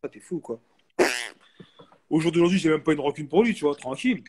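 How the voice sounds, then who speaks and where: A young man chatting casually as a guest, telling a story in animated street slang and repeating himself for emphasis. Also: on the high side, a little fast, husky. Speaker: guest, basketball player.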